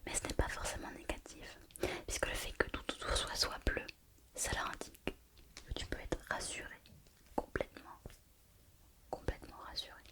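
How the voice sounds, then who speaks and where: A woman playing a mystical fortune teller in a whispered role-play, repeating her phrases as she reassures the listener. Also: lightly acted. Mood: mysterious, soothing. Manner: slow, repetitive fortune-teller delivery, addressing the listener. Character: mystical female fortune teller reading horoscopes, mysterious and reassuring.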